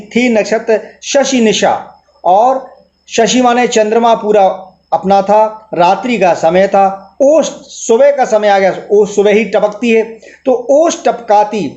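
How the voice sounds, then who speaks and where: A man's voice: high voice, dark tone, highs cut off. A man teaching a literature lesson, explaining a poem line by line and glossing its words as he goes.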